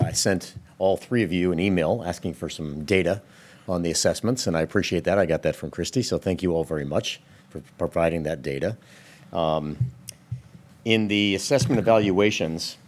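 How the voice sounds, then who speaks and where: A man giving public comment at a town board meeting, speaking in a measured, methodical way with frequent "uh" fillers. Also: low voice.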